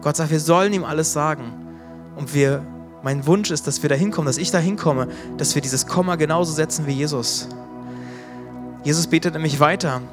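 A male preacher speaks in a relaxed, storytelling sermon voice that sits somewhat high. He corrects himself on the fly and presses his listeners with questions. Soft music plays faintly underneath. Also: brisk. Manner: conversational retelling with self-corrections and rhetorical questions.

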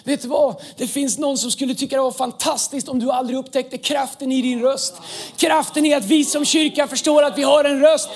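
A man pastor preaching an impassioned sermon, often raising his voice to a shout and dropping English phrases into his talk. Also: very high-pitched, steady tone.

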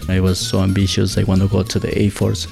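Gravelly low-voiced Ecuadorian man. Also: monotone, mellow, faint music behind. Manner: halting, searching for words, second-language English. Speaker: guest, builder and former chef. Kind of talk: conversational interview.

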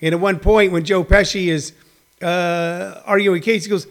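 A male host chatting casually to his listeners in a halting, digressive, self-deprecating way. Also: sits high, fairly even intonation. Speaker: host of a daily live streamed comedy radio show. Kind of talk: casual, rambling chat to listeners.

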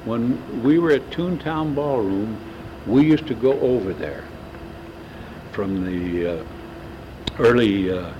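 Speaking slowly with lively intonation and a medium pitch, a man in his seventies wanders through his recollections in a casual oral-history interview, pausing often to search for names. It takes place indoors in a large banquet room, recorded on lo-fi tape with loud hiss.

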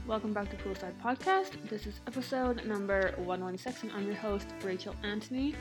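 A woman's voice: mid-range voice, lively intonation, a little fast. A woman hosting a podcast introduction, lisping slightly and talking with a sore, post-surgery jaw over faint music. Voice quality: slight lisp from a piece of plastic in the mouth. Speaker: podcast host.

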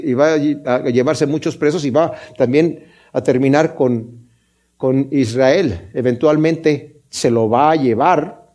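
A man's voice: a little high, darkish tone. A man preaching a sermon, explaining a scripture passage step by step and asking his listeners questions as he goes. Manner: explains step by step, pausing to ask the congregation.

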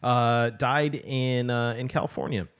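A man's voice: mid-range voice, fairly even intonation, unhurried, smooth. A man co-hosting a casual book podcast, rambling with lots of fillers and restarts. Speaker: podcast co-host.

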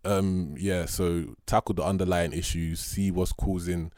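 Deep-voiced young London roadman. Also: fairly even intonation, unhurried, darkish tone, no room sound, clean studio sound. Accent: London, urban roadman. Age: young adult. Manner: slangy, bantering, addressing listener as bro. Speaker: podcast co-host. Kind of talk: casual podcast chat.

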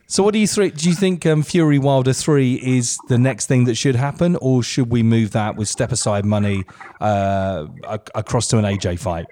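A man's voice: medium pitch, moderate pace, dark tone. A man hosting a podcast, leading the chat with long, rambling questions. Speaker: podcast host.

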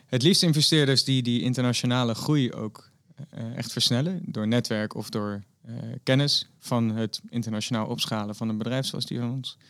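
A man, the founder and CEO of a company, answering interview questions earnestly with frequent pauses. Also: mid-range voice, a bit bright, dry recording, studio quality. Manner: earnest, lots of filler pauses.

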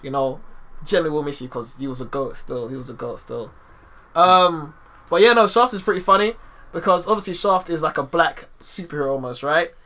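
Bright-voiced London roadman, higher-pitched. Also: expressive, a little fast. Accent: London, urban street. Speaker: podcast co-host. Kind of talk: casual film chat, heavy street slang.

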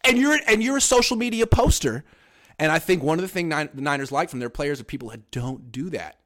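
Thirties male co-host, emphatic, wry sports banter with a lively, swinging pitch. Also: fairly quick. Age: 30s. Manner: emphatic, wry, quotes people in mock voices. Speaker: podcast co-host. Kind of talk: casual sports talk.

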